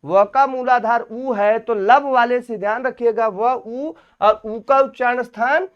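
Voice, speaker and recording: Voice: mid-range voice, measured pace, smooth. A Hindi grammar teacher giving an exam-prep lecture, asking questions aloud, answering them, and repeating each point. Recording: dull lo-fi recording.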